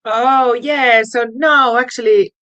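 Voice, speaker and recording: A woman's voice: on the high side, fairly even intonation, slow, fairly bright tone, dull audio. A woman from Finland with a Finnish accent, chatting about her music path as an interview guest, with fillers and frequent laughs. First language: Finnish and Swedish. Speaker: guest DJ and producer. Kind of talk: casual interview chat.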